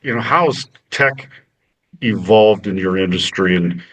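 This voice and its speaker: A man hosting a podcast with a fairly low voice. He asks his questions in a relaxed, meandering way, circling around before he lands on the point. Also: unhurried, poor audio. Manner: rambling, searching questions. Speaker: podcast host. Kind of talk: casual interview questions.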